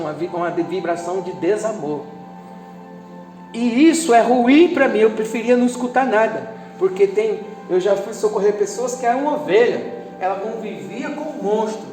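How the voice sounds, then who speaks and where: Pastor, male, high voice, long church reverb, music under the sermon. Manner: emotional preaching, swinging from loud to hushed. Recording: echoey church hall with music behind.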